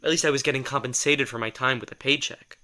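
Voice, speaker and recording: In an audio drama, a man voices a sardonic, exasperated male telepath who once worked as a writer's personal assistant. His bright, forward voice sits at an ordinary male pitch, with fairly even intonation and a fast pace. Wry and rambling, he talks defensively, as though in casual conversation.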